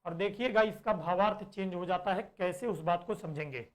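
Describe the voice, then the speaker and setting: Teaching exam prep online, this man moves slowly, circles back to his points, and questions himself before answering. He speaks with a high-pitched voice.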